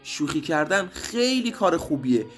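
A man narrating a story for children, lively and addressing the kids directly. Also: fairly high pitch. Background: faint music.

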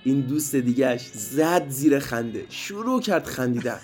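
A man narrating a story for children, lively and addressing the kids directly. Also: mid-range voice. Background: faint music.

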